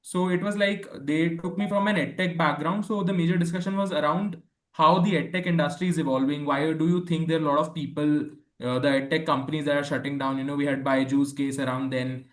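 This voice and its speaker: A young Indian man informally recounting his experience as a student guest, in a halting way with frequent fillers. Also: fairly high pitch, steady tone. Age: young adult.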